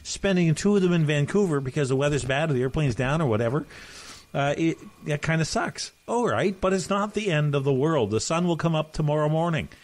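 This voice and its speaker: A man's voice: on the high side, expressive, fairly quick. A man hosting a talk podcast, giving plain-spoken, folksy opinions in casual commentary. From Canada. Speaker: podcast host.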